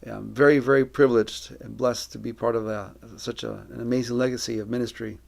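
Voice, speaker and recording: With a steady tone and a fairly quick delivery, a middle-aged man from Colombia shares his missionary testimony earnestly and reflectively, choosing words deliberately. The voice is very gravelly and creaky at a normal male pitch.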